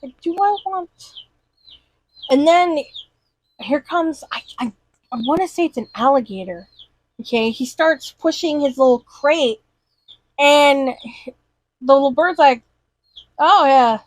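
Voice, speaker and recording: A woman's voice: sits high, lively intonation, takes it slowly, long pauses, low-quality recording. A woman in casual chat, animatedly retelling a cartoon and acting out the characters' lines. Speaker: podcast co-host.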